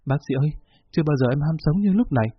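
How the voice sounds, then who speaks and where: Sick, resolute young woman in a storybook, voiced by a husky male reader, dull lo-fi sound. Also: on the high side, animated, racing. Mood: pleading. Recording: dull lo-fi recording with faint music.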